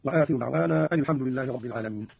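Rapid, husky-voiced man giving formal explanations. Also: medium pitch, no room sound. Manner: formal, clearly enunciated explanatory delivery. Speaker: radio presenter of recitation notes. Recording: dry, muffled old radio recording.

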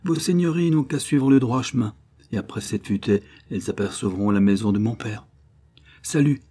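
Man doing cocky teen forester, mocking and proud, dark husky tone. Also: medium pitch, normal speed, natural voice.

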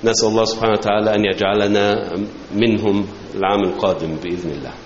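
A man with an Egyptian accent giving a lesson in a lecture hall. He explains slowly and switches between English and Arabic. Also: lowish voice, fairly even intonation. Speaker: teacher. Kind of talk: bilingual classroom lecture. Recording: roomy, dull, hissy hall recording.

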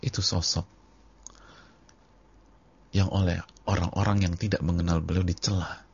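A man's voice: low voice, flat delivery, normal speed, vocal fry, a little mellow, slightly rough, dull audio. A male Islamic preacher giving a sermon, repeating phrases for emphasis and addressing the congregation directly. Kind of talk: sermon on a hadith book.

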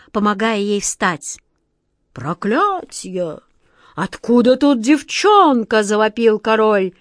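A woman reads a fairy tale aloud in a calm, measured way. She takes her time, with a mid-range voice and no rush. The sound is close and dry, with no room echo. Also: mid-range voice. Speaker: narrator. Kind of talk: audiobook fairy tale reading.

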